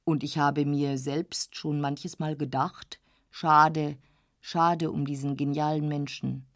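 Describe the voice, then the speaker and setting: Eine Frau, die in einer Hörbuchlesung einen herablassenden, berechnenden älteren Herrn spricht, langsam und gönnerhaft. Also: female voice, little pitch movement, no echo, clean studio sound. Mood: patronizing. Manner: slow, patronizing, low and soft. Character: condescending older gentleman, smooth and calculating. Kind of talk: audiobook reading.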